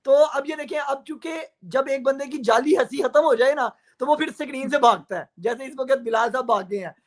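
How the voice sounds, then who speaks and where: A man's voice: very high-pitched, a little fast. A man arguing in a heated televised debate, mocking and taunting his opponent and talking over interruptions.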